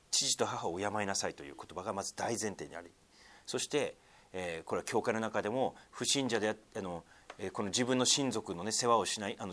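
A man preaching a sermon to a congregation, with frequent fillers, sometimes calling on listeners directly. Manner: lively swings in pitch and loudness, many fillers, asks congregation. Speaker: pastor.

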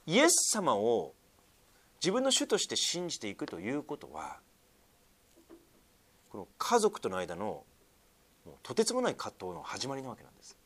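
Preaching to a congregation at a moderate pace with frequent pauses, a male pastor lets his pitch and volume rise and fall energetically. Fillers come up a lot, and now and then he addresses members of the congregation directly.

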